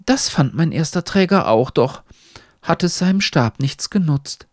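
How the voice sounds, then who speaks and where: A man's voice: on the high side, lively intonation, measured pace, no echo, studio quality, voice pushed up. A man voicing a pompous, lecturing old talking hat with a stilted, old-fashioned way of speaking.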